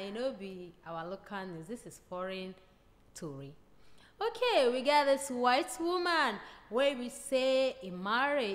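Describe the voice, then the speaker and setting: Nigerian pidgin lady telling funny stories, kinda high voice, long echo trailing off. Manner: lively, laughs at own jokes. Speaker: comedian storyteller. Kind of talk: comic storytelling in Pidgin.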